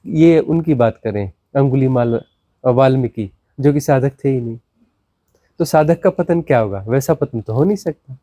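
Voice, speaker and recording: A spiritual teacher's dark, expressive voice moves at a moderate pace through a satsang discourse, recorded dry. He leans on repetition and rhetorical questions, with dramatic swings of pitch.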